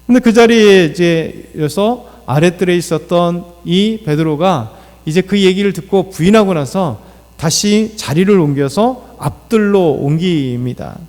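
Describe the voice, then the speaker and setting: Male pastor, slightly high voice, loose preaching with fillers, reverberant sanctuary. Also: expressive, measured pace, darkish tone. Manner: unscripted preaching with fillers, acts out quoted lines. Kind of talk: dawn prayer sermon. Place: church sanctuary. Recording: church hall reverb.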